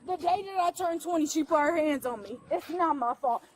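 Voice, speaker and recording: A woman's voice: high voice, brisk. A woman in her twenties, agitated and defensive, telling police her side of a road dispute on bodycam. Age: 20s. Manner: agitated, defensive, shouting at times. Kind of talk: heated argument.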